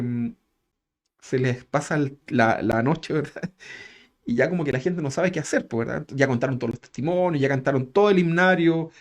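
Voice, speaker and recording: A man preaching a sermon in a relaxed, conversational way, chuckling as he tells a story and tagging his phrases with questions. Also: on the high side. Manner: conversational, tag questions after nearly every phrase; chuckles while telling a story.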